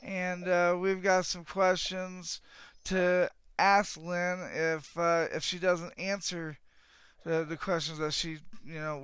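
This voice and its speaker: Smooth-voiced male interview host. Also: fairly high pitch, a bit bright, dry recording. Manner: rambling, repeats words and restarts. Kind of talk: casual interview chat.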